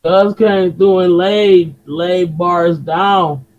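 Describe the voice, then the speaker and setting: Animated Detroit man, dull lo-fi sound. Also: high voice, very slow. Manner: animated, slangy, repeats himself. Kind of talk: casual chat.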